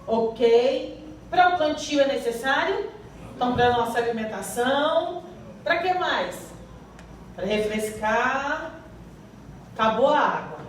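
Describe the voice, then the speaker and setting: High-voiced Brazilian woman preaching in echoey hall. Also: expressive, slow, long pauses. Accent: Brazilian Portuguese. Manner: asks the congregation questions and prompts answers. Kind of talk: church sermon with scripture reading. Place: church hall. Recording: very echoey hall, mic far off, faint hiss.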